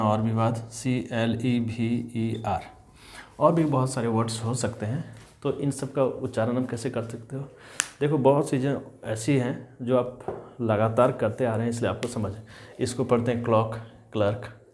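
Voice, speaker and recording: A man's voice: mid-range voice, darkish tone, a little hiss or hum. A male English teacher walks students through spelling rules. He spells words out letter by letter, then says them whole, and repeats every rule several times. He keeps checking in with his young learners. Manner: addresses students as children, checks in with "is that clear". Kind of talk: spelling and pronunciation lesson.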